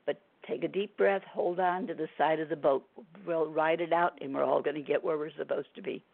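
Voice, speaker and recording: A woman speaks with a gravelly, smoker-like rasp, her voice hoarse and strained. She talks in a plain, folksy, reassuring way, like a numerologist chatting on the radio. The sound is narrow and thin, as if down a telephone line. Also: low-pitched, steady tone, a little fast. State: strained, hoarse from throat trouble. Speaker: numerologist guest on a radio show. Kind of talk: casual radio forecast chat.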